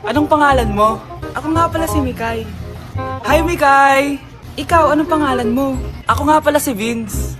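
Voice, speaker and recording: A woman's voice: high voice, moderate pace. A woman performing short comic skits, switching between exaggerated character voices. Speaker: sketch performer playing many parts. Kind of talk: comedic skits, acting all roles. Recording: music playing behind the voice.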